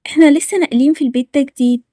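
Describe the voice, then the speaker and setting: A woman with an Egyptian accent voicing a brisk, friendly girl who hosts her friend, in a cartoon story. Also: sits high, warm tone, no echo, studio quality, natural voice. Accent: Egyptian Arabic. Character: cheerful girl friend Tara, host of the visit.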